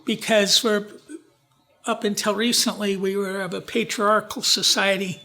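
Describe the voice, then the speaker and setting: Speaking in a high, sharp voice with level tone, a man leads a casual, slide-based genealogy presentation in a library's event room. He keeps breaking off to restart sentences and addresses questions and asides to his listeners.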